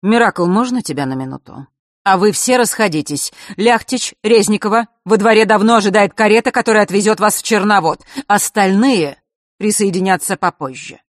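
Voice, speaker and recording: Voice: medium pitch, moderate pace, no echo, clean studio sound, close to an everyday voice. An audiobook reader voicing a stern, middle-aged father who speaks with authority and gives orders. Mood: commanding.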